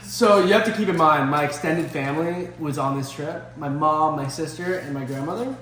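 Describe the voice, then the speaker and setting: A man's voice: on the high side, moderate pace, a bit bright. A young man hosting a casual cooking vlog in a home kitchen, upbeat and enthusiastic. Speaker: host.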